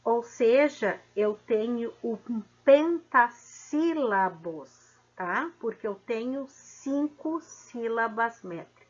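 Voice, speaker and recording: A woman teaching a literature lesson, spelling out poetic syllables slowly and checking in with the class. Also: fairly high pitch, expressive, dull audio. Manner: slow, drawn-out syllable counting with frequent "tá?".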